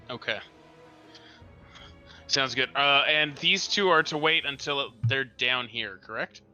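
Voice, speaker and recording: A man running a tabletop game as game master, easygoing and quick to acknowledge players. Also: mid-range voice, bright, forceful tone, soft background music. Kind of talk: casual tabletop game chat.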